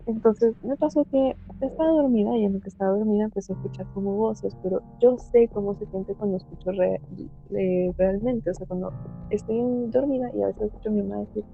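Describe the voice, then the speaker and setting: A woman's voice: mid-range voice, fairly quick, gravelly, narrow, tinny audio, faint music behind. A female guest recounts her eerie experiences casually, in a thoughtful, hesitant way, searching for words. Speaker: guest storyteller.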